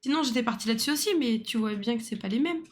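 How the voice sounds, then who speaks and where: Woman streamer, fairly high voice, casual puzzle chat, talks her reasoning out loud, argues back and forth. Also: lively intonation, fast talker, slight background noise. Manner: thinking aloud, bickering with a co-player.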